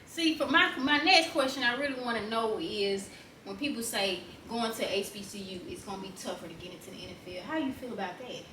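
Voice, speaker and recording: A woman's voice: fairly high pitch, a little fast. A woman from Alabama with a Southern accent, interviewing casually and encouragingly with frequent affirmations. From Montgomery, Alabama, USA. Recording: roomy echo, distant mic, faint noise.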